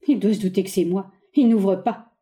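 A woman's voice: medium pitch, normal speed, warm tone, natural voice. A woman reading a stage play aloud, voicing a passionate, stubborn young woman who speaks with resolute, theatrical indignation.

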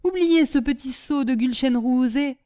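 Woman voicing a proud storybook caliph, lordly and dismissive, pitched a touch high, mellow tone. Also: a little slow. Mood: imperious. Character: proud amorous male caliph, commanding.

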